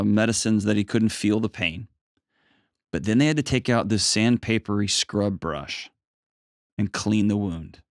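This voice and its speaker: A man with a fairly deep voice coaches a caller in a conversational style. He is plain-spoken and folksy, leaning on key words for emphasis. The sound is very dry, with no room around it. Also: dry recording. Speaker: advice show host counseling a caller.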